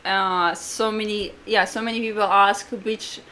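A woman's voice: medium pitch, steady tone, pushed and bright. Latvian-accented woman podcaster, slightly noisy room tone. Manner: halting, repetitive phrasing in non-native English. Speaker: podcast co-host. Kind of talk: casual conversational podcast talk.

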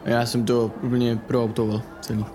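A man's voice: medium pitch, little pitch movement, warm tone, faint music behind. Laid-back young man joking in a game. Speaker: player. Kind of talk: casual game chat.

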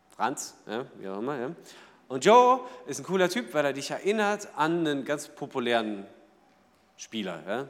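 A man preaching a sermon in a lively way, asking the audience questions and acting out small everyday scenes. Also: medium pitch, big-room sound. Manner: lively, asks the audience rhetorical questions, acts out little scenes. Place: church hall.

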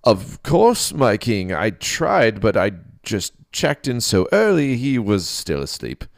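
A frazzled young priest bursts out in sharp, high yelps and stammers his way through excuses, as a man puts him on. The voice jumps well above the reader's own deep tone. It is close and dry, with no room around it. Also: huge pitch swings, slow, creaky, no room sound, exaggerated voice. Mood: flustered. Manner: jittery, stammering, yelping high outbursts. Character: nervous young male priest acolyte, flustered and stammering.

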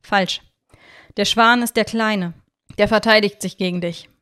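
A woman voicing a calm, unemotional man who speaks firmly and with emphasis. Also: mid-range voice, measured pace, clean tone, lightly acted. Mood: insistent. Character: calm, cold man warning a criminal.

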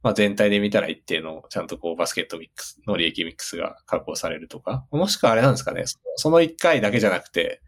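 A man's voice: on the low side, animated, quick pace, few pauses. A man hosting a conversational business interview, thinking aloud as he rephrases his questions. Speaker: interviewer, host.

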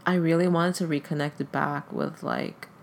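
In a casual podcast conversation, a guest whose first language is Tagalog talks haltingly, leaning on "like" in nearly every phrase. Their mid-range voice is creaky with fairly even intonation and normal speed, and a little hiss or hum is audible.

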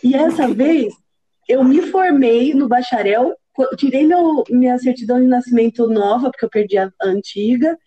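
A woman's voice: high-pitched, normal speed, dark tone, husky. A woman in casual chat, laughing as she tells self-mocking stories. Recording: dull lo-fi sound.

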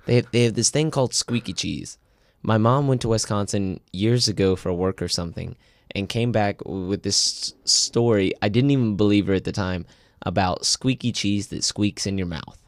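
A young man in his twenties with a low voice, telling rambling food stories in a casual podcast chat. He grows animated when he gets excited, and the close mic keeps the sound dry with no room around it. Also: moderate pace, no echo. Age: 20s. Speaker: podcast co-host.

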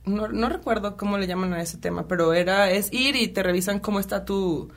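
Animated woman with a Mexican accent. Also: medium pitch, fairly quick. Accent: Mexican Spanish. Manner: animated retelling, acting out quotes, many fillers. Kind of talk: casual conversational storytelling.

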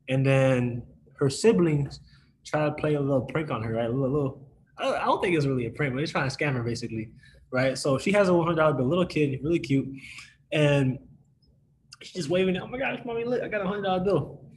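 A man's voice: mid-range voice, slight background noise, poor audio. A man teaching a Bible lesson to a group in a casual way, often checking in with his listeners. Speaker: youth Bible study leader.

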